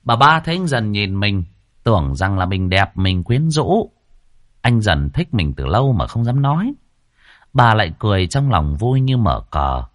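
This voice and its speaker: A man narrating a ghost story in a lively, playful storytelling manner. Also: fairly low pitch, measured pace, no echo, clean studio sound.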